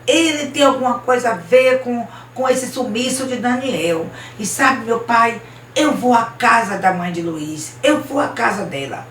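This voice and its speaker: Woman as a high, urgent young woman in a storybook, distant roomy mic. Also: lively intonation, a little slow, a bit bright, slight background noise. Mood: worried. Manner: urgent, pleading, demanding. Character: young woman, anxious and insistent.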